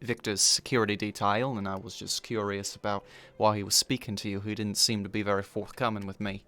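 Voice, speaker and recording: A man's voice: fairly low pitch, flat delivery, brisk, sharp tone. A man doing a scarred guard with an Australian accent. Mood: friendly. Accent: Australian, slipping toward Southern US. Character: scarred male security guard in fedora.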